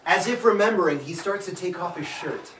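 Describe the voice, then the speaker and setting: Reading stage directions for a live comedy script, this man speaks a little fast in a high, slightly bright voice, playfully tripping over lines and breaking off into asides. The sound is echoey and distant, with the audience audible in the room.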